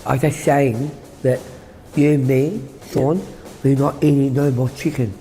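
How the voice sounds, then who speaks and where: A man hosting an eating challenge in casual chat, with simple, halting phrasing. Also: medium pitch, steady tone, dark tone, in a large hall, soft background music.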